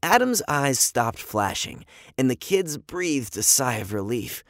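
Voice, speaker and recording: Lively children's-story narrator. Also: mid-range voice, measured pace, no room sound, clean studio sound. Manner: lively, expressive reading with sound effects.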